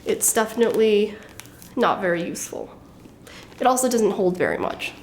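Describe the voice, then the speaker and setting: A woman's voice: medium pitch, lively intonation, normal speed, slight background noise. A woman in her thirties explaining things in a casual show-and-tell vlog, in a wry, matter-of-fact way. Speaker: fashion vlogger.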